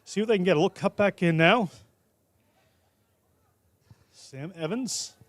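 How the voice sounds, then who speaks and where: A man calling live rugby play-by-play in a brisk, jokey way. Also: high-pitched, no room sound. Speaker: play-by-play commentator.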